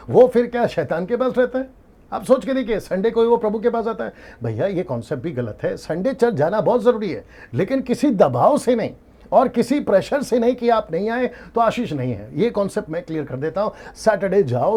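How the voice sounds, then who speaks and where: A man's voice: sits high, a little mellow. A male preacher teaching in a sermon style, emphatic, asking rhetorical questions and repeating his key points. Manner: mixes English words into his speech; rhetorical questions, occasional laughs.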